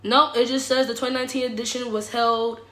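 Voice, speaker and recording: A woman's voice: a little high, level tone, quick pace, pushed and bright. A woman casually hosting a trivia game, reading out questions. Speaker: quiz host. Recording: echoey room.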